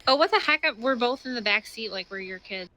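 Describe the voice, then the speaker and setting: A roleplay streamer chats casually with other players during a roleplay game, easygoing and using "like" a lot, sounding a little stuffy from allergies. Her voice is a little high and sharp, quick with lively intonation, picked up on a headset or desk mic.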